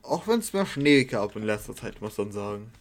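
A man's voice: on the low side, sing-song, moderate pace. Slangy young man chatting with friends. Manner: slangy, swears a lot, rambling with fillers. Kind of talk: casual chat among friends.

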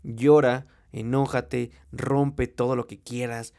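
Slow and flat, with a medium-pitched, slightly mellow voice, a young Mexican man with a Mexican Spanish accent gives a motivational monologue. It is blunt, profane, and spoken directly to the listener.

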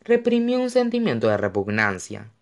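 Sex: man. Role: audiobook reader. Style: dramatic, expressive narration with lively pitch. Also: normal speed.

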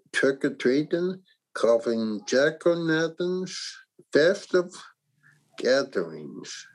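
Medium-pitched narrator, very lively intonation, deliberate scripted children's storytelling, theatrical host. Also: poor audio.

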